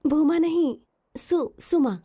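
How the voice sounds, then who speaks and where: A woman voicing a young medical student who goes from hesitant to sharp and offended. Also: sits high, very animated, brisk. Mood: nervous. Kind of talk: film dub.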